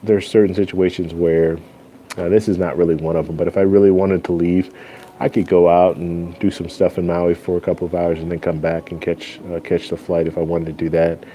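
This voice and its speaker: Male streamer, low and very relaxed, chatting loosely with viewers over faint background noise. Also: brisk. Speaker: live stream host. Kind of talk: casual live stream chat with viewers. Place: airport waiting area.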